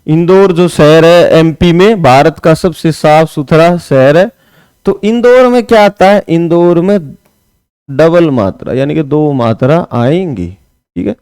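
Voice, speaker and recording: Brief: male Hindi teacher, high clear voice, dry close mic, talks through exam questions. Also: unhurried, darkish tone, dry recording. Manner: explains step by step, often asks "है ना"; writes on a board while talking. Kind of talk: exam-prep lesson.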